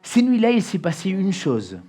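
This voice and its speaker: Argentine-accented preacher swinging loud to hushed. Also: male voice, high-pitched, huge pitch swings, normal speed, faint music behind. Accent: Argentine Spanish. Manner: dramatic, swings from loud emphasis to hushed confession. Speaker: pastor. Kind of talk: emotional storytelling sermon.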